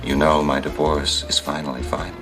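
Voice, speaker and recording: Very deep-voiced smooth ex-lover. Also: male voice, little pitch movement, fairly quick. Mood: coaxing. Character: smooth-talking divorced ex-lover. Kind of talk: sitcom acting. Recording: music playing underneath.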